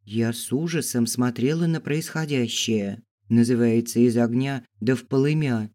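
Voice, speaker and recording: A man narrates a novel aloud in a steady, even storytelling voice. His pitch sits in the middle range for a man. His delivery is scripted and measured. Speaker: audiobook narrator.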